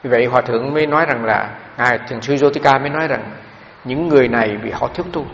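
Middle-aged monk rambling thru a dharma talk, gravelly voice, long hall echo. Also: male voice, mid-range voice, fast talker, a bit bright, slight background noise. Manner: conversational storytelling with frequent fillers. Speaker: Buddhist monk teacher. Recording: echoey hall, dull lo-fi sound.

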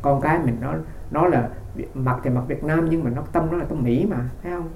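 A man's voice: fairly high pitch, fairly quick, a little mellow, slight background noise. Monk guy rambling thru a dharma talk, roomy echo around him. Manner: rambling storytelling with frequent restarts. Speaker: Buddhist monk.

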